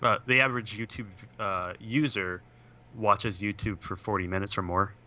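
A young man co-hosting a podcast speaks at a moderate pace in a fairly low, steady voice that's pushed and bright. Coming through a computer video call, the sound has its highs cut off and breaks up, while he chats casually and rambles with frequent "like" and "uh".

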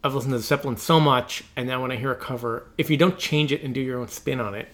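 A man's voice: mid-range voice, quick pace, a bit bright. A man co-hosting a podcast, talking casually and hesitantly as he searches for words. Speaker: podcast co-host. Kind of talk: casual chat about music.

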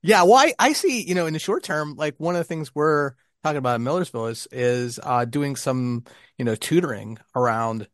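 A man's voice: on the high side, lively intonation, a little fast, no echo, studio quality. A middle-aged man co-hosting a podcast, chatting casually and rambling with plenty of fillers and restarts. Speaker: podcast co-host. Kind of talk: casual chat.

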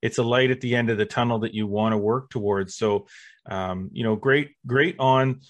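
A man co-hosting a podcast, speaking in a supportive, thoughtful, halting way. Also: medium pitch, dry recording. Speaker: podcast co-host. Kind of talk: casual podcast chat.

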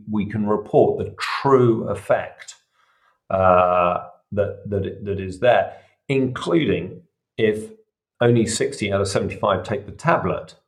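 A man's voice: on the low side, slow. A middle-aged man, a surgeon talking on a podcast and explaining things patiently with everyday examples. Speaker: surgeon guest. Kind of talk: casual podcast interview.

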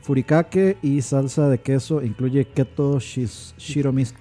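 A man's voice: medium pitch, slow pace, mellow, faint music behind. A man co-hosting a podcast, reading items aloud and joking dryly. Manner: reads menu items aloud, dry joking. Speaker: podcast co-host. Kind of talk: casual chat.

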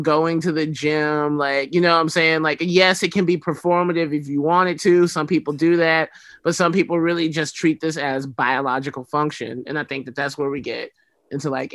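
A man with an androgynous voice often taken for a woman's, talking casually and bluntly as an interview guest, in an animated, emphatic, slangy way. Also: a little high, no room sound. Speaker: guest, writer. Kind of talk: casual, candid interview chat.

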